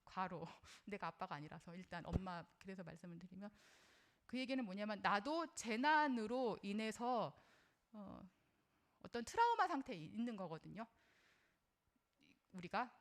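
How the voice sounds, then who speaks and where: A woman's voice: medium pitch, lively intonation, normal speed, long pauses. Middle-aged woman, parenting lecturer, earnest and conversational, asks her audience questions. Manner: personal, shares her own experience as a mother.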